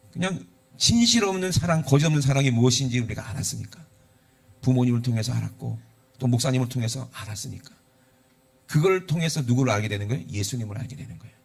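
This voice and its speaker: Guy preaching, gravelly voice, swings up and down a lot, keeps asking the crowd stuff. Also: mid-range voice. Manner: conversational preaching with rhetorical questions and acted quotes. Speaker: pastor. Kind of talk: sermon.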